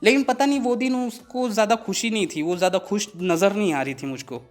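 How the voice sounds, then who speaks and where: A young man telling a comic story to camera, animated and mock-dramatic. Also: high voice, fairly quick, soft background music. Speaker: comedy video creator.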